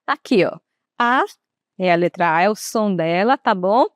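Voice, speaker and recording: A woman English teacher with a Brazilian accent, giving a classroom lesson and slowly drawing out words for students to repeat. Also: mid-range voice, lively intonation, clean tone, dry recording, studio quality. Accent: Brazilian Portuguese. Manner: slow, drawn-out modelling of words for students to repeat.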